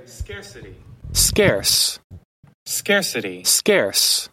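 Robot text-to-speech pronunciation voice, very slow, bright and a bit breathy, one word at a time. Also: mid-range voice, low-quality recording. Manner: slow, isolated single words, flat machine delivery. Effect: synthetic text-to-speech pronunciation voice. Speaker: online pronunciation tool.

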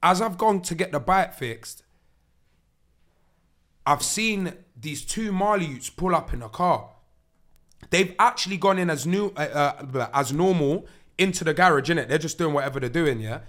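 Bright-voiced young London roadman, slightly high. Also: expressive, normal speed. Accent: London, urban street (roadman) style. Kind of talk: animated casual chat with slang-heavy storytelling.

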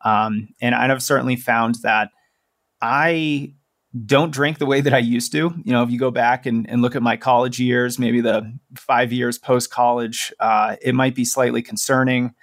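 A man in his late thirties hosts a podcast in a relaxed, joking tone, full of fillers. His middle-pitched voice is recorded dry and close. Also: unhurried, no echo. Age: 30s. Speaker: podcast host. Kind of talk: casual podcast chat.

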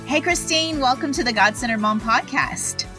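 A woman's voice: sits high, moderate pace, over music. A woman hosting a conversational podcast in an earnest, encouraging way. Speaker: podcast host.

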